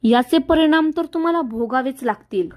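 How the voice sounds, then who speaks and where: A woman's voice: lively intonation, normal speed. A woman voicing an angry, scheming young woman who hurls accusations at the man she was to marry. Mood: furious. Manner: shouting accusations, high and sharp. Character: furious scheming young woman, fiancée betrayed.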